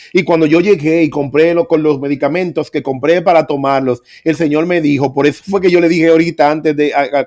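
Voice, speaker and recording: A man's voice: a little high, a little mellow. A middle-aged man preaching, telling his own story with earnest emphasis. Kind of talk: sermon testimony.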